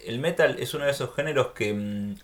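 Argentine guy chatting easy, thinks out loud, laughs a lot, middle-pitched voice. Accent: Argentine Spanish. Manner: reflective, unhurried, laughs often. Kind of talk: casual chat.

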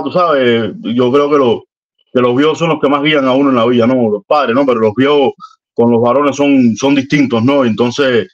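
A man with a Cuban accent speaking earnestly and warmly in a casual chat, often ending lines with a questioning tag. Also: medium pitch. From Cuba. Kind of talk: casual heartfelt conversation. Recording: dull lo-fi line.

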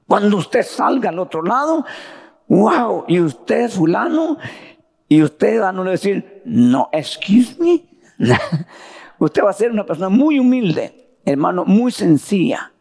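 A man's voice: high-pitched, creaky, darkish tone, in a large hall. A man preaching a sermon, who keeps calling his listeners "brother" and asking them to agree. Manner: keeps addressing listeners as "hermano" with tag questions.

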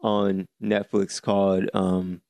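A man in his late twenties hosting a solo podcast, speaking earnestly with many halting restarts. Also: deep voice, completely flat delivery, creaky, a little mellow, dry recording. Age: 20s. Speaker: podcast host.

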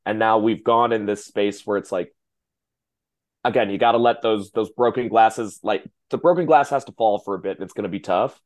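A man in his thirties co-hosting a podcast, chatting in a relaxed way with short agreeing replies. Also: lowish voice, normal speed. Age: 30s. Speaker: guest co-host. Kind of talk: casual podcast chat.

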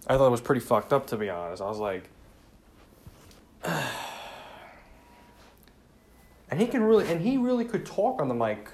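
A podcast host gives a casual solo tribute talk, sincere yet saddened and subdued, full of fillers and restarts. His mid-range, slightly mellow voice is animated and fast, with few pauses.

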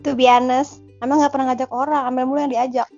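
A woman's voice: high voice, little pitch movement, fast talker, darkish tone, dull audio, faint music behind. A young woman co-hosting a casual podcast chat, talkative and self-mocking, laughing often. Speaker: podcast co-host.

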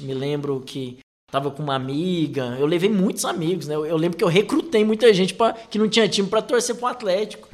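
Male Brazilian storyteller, fairly high pitch, emphatic and animated personal recollection. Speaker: football fan recounting club history.

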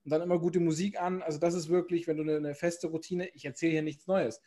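A man's voice: on the high side, level tone, quick pace, warm tone. A man chatting casually on a podcast, rambling with lots of fillers and restarts. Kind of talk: casual chat.

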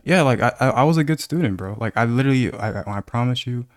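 A man telling a story in casual chat, animated and slangy, given to mock-accusatory teasing. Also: medium pitch, quick pace, dry recording, studio quality.

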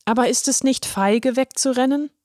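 A small, shy boy in a children's storybook speaks in a high, bright little voice, as a woman narrator puts him on. He sounds timid yet earnest and sincere. The recording is close and dry. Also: moderate pace, no echo, natural voice. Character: shy young drinking straw boy. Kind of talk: storybook reading.

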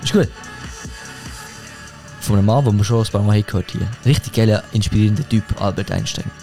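A man with a Swiss German accent hosting a casual podcast chat, relaxed and slangy. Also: lowish voice, fast, faint music behind. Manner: laid-back, slangy, says "geil" and "nice" a lot. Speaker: podcast host.

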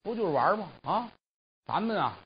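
A storyteller voicing indignant old men who keep birds, grumbling among themselves; a dull, hissy recording. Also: male voice, sits high, very animated, fairly quick, pitched above the performer's own voice.

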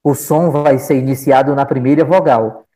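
With a Brazilian Portuguese accent, this English teacher explains grammar in an online video-call class, patiently going over examples again. The voice is medium-pitched and mellow, with fairly even intonation at normal speed, though the audio is poor.

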